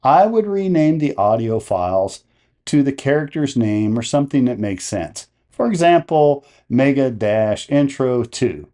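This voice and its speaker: In this software tutorial, the male presenter keeps things plain-spoken and orderly, explaining one step at a time. His pitch is medium.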